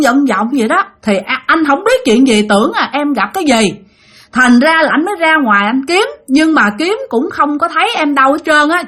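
High, lively woman telling a ghost story. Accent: Southern Vietnamese. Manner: chatty, addresses listeners directly. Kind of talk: spoken ghost story narration.

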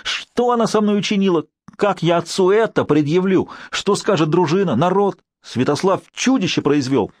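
A man voicing a hot-tempered, proud young prince who shouts and rages in high-strung outbursts. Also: sing-song, moderate pace, dry recording, studio quality. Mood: raging.

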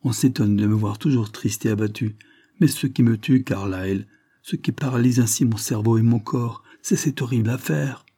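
A man's voice: mid-range voice, normal speed, dark tone, husky. A man voicing a sorrowful, frail older mother in a storybook reading, with plaintive delivery. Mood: grieving.

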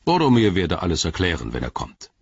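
A man's voice: low voice, wildly swooping pitch, fairly quick, slightly rough, dry recording, muffled recording, heavily acted. A man reading an audiobook who voices a stern, commanding male captain interrogating a prisoner. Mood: probing.

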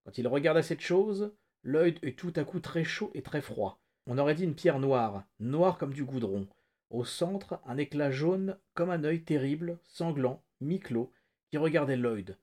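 A man, a podcast host, reading a novel excerpt aloud in a measured, steady narration. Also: fairly high pitch.

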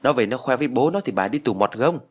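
A man's voice: medium pitch, expressive, fast, slightly rough. A man voicing cheeky village boys eagerly tattling to an adult.

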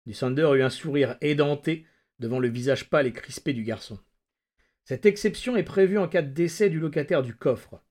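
Homme lisant un récit avec gravité. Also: male voice, on the high side, darkish tone. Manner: measured, dramatic narration. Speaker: reader. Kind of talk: audiobook reading.

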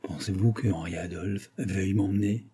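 A man reading an audiobook and voicing a shy young woman who murmurs softly. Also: medium pitch, brisk, breathy edge, close to an everyday voice. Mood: pleading. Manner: soft, murmuring.

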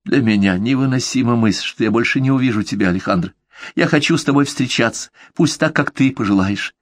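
A man's voice: medium pitch, a little fast, no room sound, clean studio sound, close to an everyday voice. Man voicing an anxious pleading young lover. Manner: earnest, imploring.

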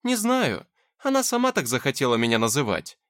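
A man voicing an eager, excitable young woman anxious to please. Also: mid-range voice, brisk, clear, resonant tone. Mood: excited. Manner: bubbly, excitable.

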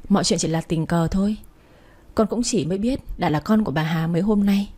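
A young woman who stays cool and unbothered, speaking evenly in a mellow, low-lit voice, read by a woman. A faint husky edge sits on her words in this storybook reading. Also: brisk. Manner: calm, composed.

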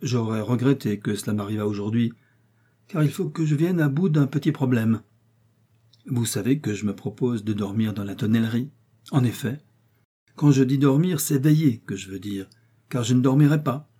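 A man voicing a burly, gruff but cordial male doctor who speaks in a confiding way, in an audiobook reading. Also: medium pitch, moderate pace, dark tone, close to an everyday voice. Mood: uneasy.

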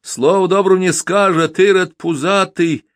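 A man's voice: sits high, fairly even intonation, normal speed, a bit bright, dry recording, clean studio sound, voice pushed up. A man reading aloud and voicing a peasant woman who scolds and laments. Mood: scolding.

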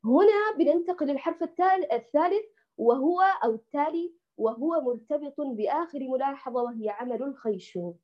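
A woman teaching Quran recitation. She models each letter sound slowly and carefully and puts questions straight to her students. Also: sits high, expressive, highs cut off. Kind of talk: tajweed lesson, demonstrating sounds.

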